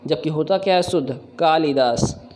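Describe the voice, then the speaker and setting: Going word by word, a man corrects common Hindi spelling mistakes in a lesson aimed at the camera, often referring to viewers as friend. His voice is fairly high and a little mellow, at a moderate pace, and the echoey room carries faint background noise.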